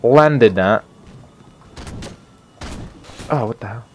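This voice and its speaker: A man giving casual, excitable gameplay commentary, swearing often and shouting at the characters on screen. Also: mid-range voice, very slow, muffled recording, a little hiss or hum. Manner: excitable, swears a lot, talks to the game characters. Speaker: gaming commentator.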